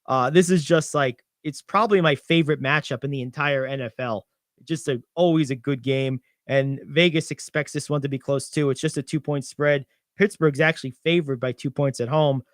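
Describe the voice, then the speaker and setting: Young guy hyped about football picks on a radio show, bit high voice, dry mic. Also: moderate pace, no room sound. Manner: animated, gets louder when excited, many "I think"s. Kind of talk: sports betting talk.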